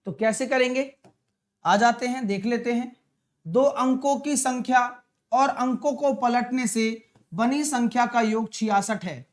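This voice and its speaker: A man teaching a live online maths class for exam prep, chatty and coaxing, constantly quizzing his students with quick questions. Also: extremely high pitch.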